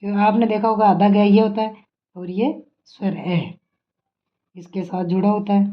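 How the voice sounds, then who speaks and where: A woman's voice: medium pitch, little pitch movement, moderate pace. A woman teacher giving a classroom lesson, asking questions and answering them herself, repeating each point. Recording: dull lo-fi sound.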